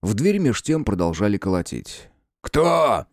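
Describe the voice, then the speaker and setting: A man narrating a story in an expressive, wry storytelling manner. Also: fairly low pitch, moderate pace, no room sound, clean studio sound. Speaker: audiobook narrator. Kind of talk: scripted narration.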